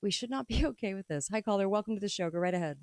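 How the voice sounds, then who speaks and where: A woman's voice: mid-range voice, lively intonation, rapid-fire, vocal fry, no echo. A woman hosting a political talk radio show in a conversational, emphatic way.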